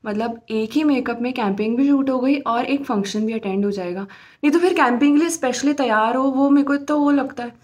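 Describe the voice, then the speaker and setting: A woman's voice: high-pitched, fairly quick, a little mellow. Chatty young woman vlogger. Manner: chatty, mixes English phrases into her talk. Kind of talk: casual vlog chat.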